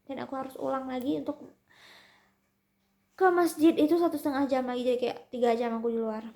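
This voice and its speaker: A woman's voice: high voice, fairly even intonation, brisk, dark tone. A young woman in her twenties telling a story in a casual vlog, chatty and slipping in English and German words. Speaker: vlogger.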